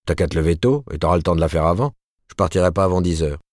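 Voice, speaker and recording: A man's voice: low voice, fairly quick, a little mellow, no echo, studio quality. A man voicing a cold, vindictive middle-aged shopkeeper husband who hammers every word. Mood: cold, scolding.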